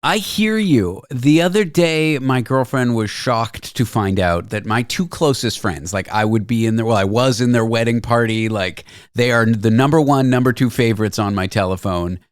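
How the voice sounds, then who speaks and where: A man's voice: mid-range voice, normal speed, few pauses, smooth, no room sound, clean studio sound. A man in his late thirties hosting a radio talk show, chatting casually with wry joking asides. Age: 30s. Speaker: radio host. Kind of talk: casual radio interview chat.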